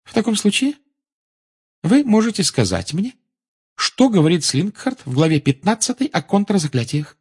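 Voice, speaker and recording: A man's voice: high-pitched, sing-song, normal speed, darkish tone, slightly rough, voice pushed up, heavily acted. A man voicing a prim, coldly polite female school inspector with a silky, cloying manner in an audiobook. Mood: cold, sugary. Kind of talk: audiobook character voice.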